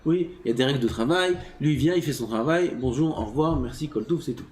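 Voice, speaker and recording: A man's voice: medium pitch, fast talker, a little mellow, a little hiss or hum. A man teaching a religious lesson as a rabbi. He reads passages of Hebrew text and explains them, asks the class questions, swings his voice up and down and sometimes drops almost to a whisper. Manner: asks the class questions and acts out everyday scenes.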